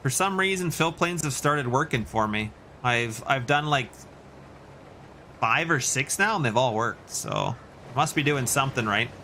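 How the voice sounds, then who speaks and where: With lively intonation and a bright, forceful delivery at a moderate pace, a Canadian streamer rambles while playing a video game and answering his chat. His voice sits mid-range, and faint hiss or hum can be heard.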